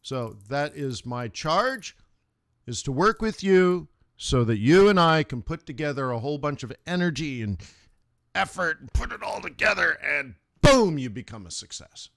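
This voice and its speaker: A very animated middle-aged man with a fairly high, fairly bright voice and vocal fry hosts a live trading stream at a moderate pace. He rambles casually in asides, laughing often.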